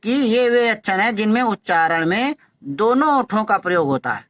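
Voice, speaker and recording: A male teacher giving a phonetics lesson, who slowly demonstrates each sound, repeats syllables and urges his students to practise. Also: high voice, animated, a bit bright, no echo.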